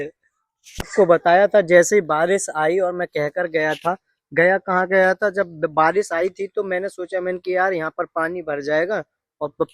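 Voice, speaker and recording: A man's voice: a little high, a bit bright, no room sound. A man chatting casually to his viewers in a family vlog, affectionate and playful with his children. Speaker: family vlogger. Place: home, indoors and rooftop.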